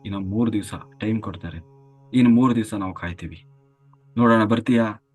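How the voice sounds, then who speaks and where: A man's voice: on the low side, a little fast, a little mellow, no echo, natural voice. A man voicing the stern male messengers of the death god, who coax a dead soul to come along with them. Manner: firm, coaxing, repeats "come, let's go".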